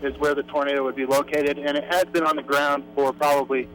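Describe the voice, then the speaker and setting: Male storm chaser, slightly raised pitch, halting factual field report over a radio-like link from a vehicle. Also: level tone, fairly bright tone, soft background music, rough recording. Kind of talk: live field report by phone.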